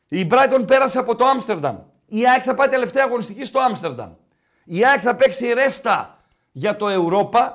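High-voiced man in jokey sports banter. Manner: joking, animated banter. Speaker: podcast host. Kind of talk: casual sports chat.

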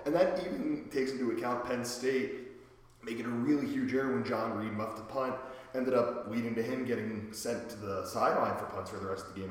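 Man, hoarse, podcast host, casual sports chat, heavy basement echo, reverberant. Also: mid-range voice. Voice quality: worn-out voice from a night of cheering. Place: in a home basement.

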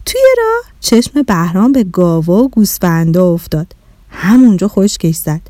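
Expressive woman narrating a children's story. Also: lowish voice, no echo, studio quality.

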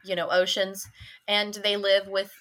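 A woman's voice: mid-range voice, flat delivery, measured pace, a bit bright. A young woman hosting a casual book discussion podcast, gushing and laughing often. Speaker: podcast host.

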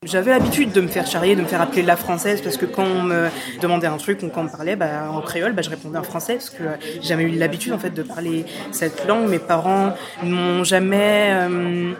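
A woman's voice: on the low side, brisk, hardly any pauses, crowd noise. A woman guest on a podcast, talking casually and chattily, full of fillers and restarts. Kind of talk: casual interview talk.

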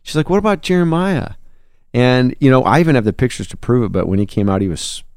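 A man's voice: mid-range voice, lively intonation, quick pace, gravelly, darkish tone, no room sound, studio quality. A man, a songwriter and musician, in a conversational interview, telling a personal story in an earnest, reflective way. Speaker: guest.

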